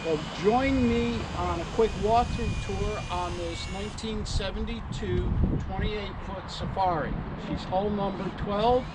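Slow, high-voiced man touring a boat. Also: heavy background noise. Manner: upbeat salesman pitch, pointing out features. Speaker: yacht broker giving a boat tour. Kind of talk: walkthrough tour narration. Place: outdoors on a boat at a marina.

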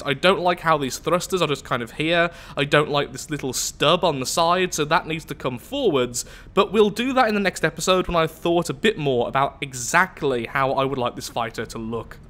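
Sounding nasal and congested with flu, a young man provides casual let's play commentary on a space game, teasing himself and voicing his thoughts as they come. His pitch is fairly high, his tone sharp.

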